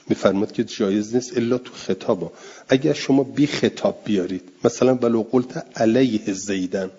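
A man teaching a class, reading Arabic text aloud and explaining it, drawing out repeated words slowly. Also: lowish voice, warm tone, husky. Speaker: teacher of Arabic grammar and Quran exegesis. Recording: dull lo-fi classroom recording.

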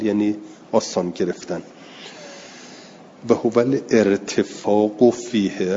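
A man's voice: fairly low pitch, mellow. Man teaching a text lesson in a hall. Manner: reads passages slowly, then explains them plainly; answers students' questions. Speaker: religious teacher. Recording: dull lo-fi recording in a long-reverb hall with faint noise.

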